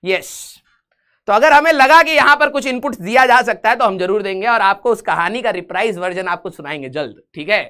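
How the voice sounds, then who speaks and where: This man's voice is high and sharp, with lively intonation and a slightly fast delivery. In his live online physics class, he jokes and banters with the students, then reads the questions out in English.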